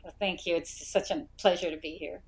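A woman speaking as an interview guest on a podcast, conversational, earnest and measured. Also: lowish voice, steady tone, slight background noise, rough recording. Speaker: podcast guest, military family nonprofit co-founder.

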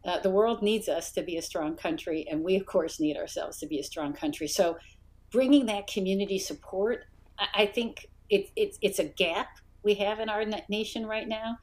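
A woman's voice: mid-range voice, moderate pace. Earnest woman in a podcast interview. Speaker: podcast guest, military family nonprofit co-founder. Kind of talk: conversational interview.

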